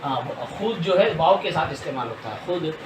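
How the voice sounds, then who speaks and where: A man teaching an Urdu writing lesson, who explains slowly and spells words out letter by letter. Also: fairly high pitch, lively intonation, distant mic, crowd noise, noisy background. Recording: roomy echo, off-mic.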